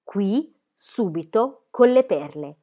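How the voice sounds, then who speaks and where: A woman reading a storybook aloud, voicing a menacing male robber who shouts threats. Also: medium pitch, expressive, slow. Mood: threatening.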